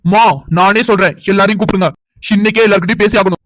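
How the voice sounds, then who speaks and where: A man's voice: sits high, fairly even intonation, quick pace, a bit bright, no echo. A man voicing an angry young son in a family cartoon, insistent and confrontational as he demands answers. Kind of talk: Tamil cartoon voice acting.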